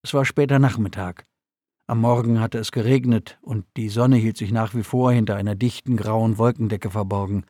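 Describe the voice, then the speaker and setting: A man narrating an audiobook chapter in a steady, measured reading. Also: fairly low pitch, no room sound, clean studio sound. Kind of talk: scripted narration.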